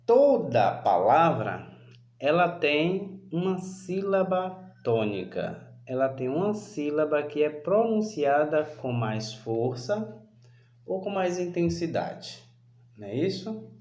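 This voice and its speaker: A male primary school teacher giving a remote lesson, talking slowly and deliberately and often asking whether the class understood. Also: a little high, big pitch swings, darkish tone, roomy sound, highs cut off. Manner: slow, deliberate, repeats questions to check understanding.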